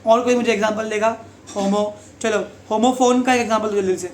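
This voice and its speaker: A man's voice: high-pitched, fairly even intonation, fairly quick. A male tutor drills a class on grammar, firing questions at his pupils and throwing in English example sentences. His voice rings through a bare, echoey classroom. Faint noise sits underneath. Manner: quizzes pupils, mixes English lines into Hindi, keeps asking "समझा?". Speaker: teacher.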